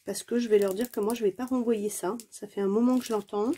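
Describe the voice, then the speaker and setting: A diamond painting vlogger talks fast in a steady, mellow, medium-pitched voice. Unboxing a craft kit at home, she chats casually with viewers, exclaims a lot, uses many fillers and teases herself playfully.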